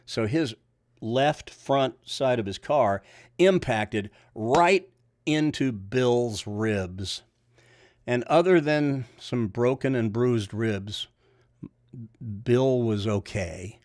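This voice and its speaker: An older man with a Missouri accent and a deep, nasal voice, a bowling coach chatting casually on a livestream, rambling and reading viewer comments aloud before answering them. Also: drawn-out words, darkish tone, dry recording, studio quality.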